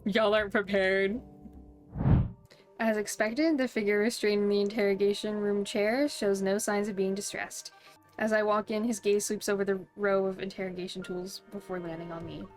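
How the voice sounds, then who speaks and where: A woman's voice: mid-range voice, level tone, fairly quick, a little mellow, faint music behind. A woman streaming a game, reading its text aloud and breaking into bubbly, giggly, playful asides.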